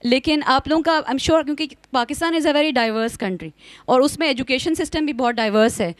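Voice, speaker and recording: A woman's voice: sits high, dry recording. A woman moderating a panel conversation, fluent and often switching into English phrases. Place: outdoor university courtyard event.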